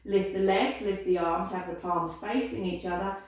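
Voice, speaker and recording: This pilates instructor speaks at a moderate pace in a fairly low voice, offering calm, encouraging cues and counting down each hold aloud during guided class instruction. At times she's slightly winded, and the recording catches her from a distance in a room with echo.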